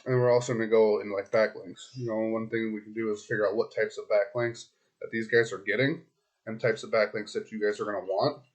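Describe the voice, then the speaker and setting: On the low side and a little fast, with a level tone, a hoarse web marketing consultant talks his client through a casual screen recording. His delivery is loose and chatty, full of ums and restarts as he thinks aloud.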